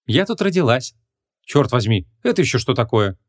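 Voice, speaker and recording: A man's voice: mid-range voice, sing-song, normal speed. A man doing a perky young policewoman. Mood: lively.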